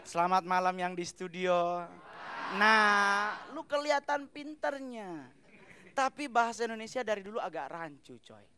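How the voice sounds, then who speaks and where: A man doing stand-up on a TV studio stage into a handheld mic, talking loud and animated in slangy street speech. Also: high voice, unhurried. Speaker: stand-up comedian. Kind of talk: stand-up comedy set. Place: TV studio stage with live audience. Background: audience laughter.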